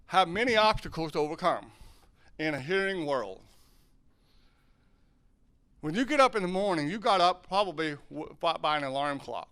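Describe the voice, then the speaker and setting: Chatty, smooth-voiced man teaching a crowd. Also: on the high side, fairly bright tone. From southern Ohio, US. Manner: rambling, self-correcting, asks the audience questions. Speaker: sign language teacher and speaker. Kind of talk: informal teaching talk to a live audience.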